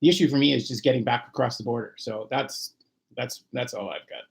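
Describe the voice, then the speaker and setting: Brief: man co-host, gravelly voice, rambling, loose casual chat. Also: medium pitch, brisk. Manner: rambling, restarts phrases.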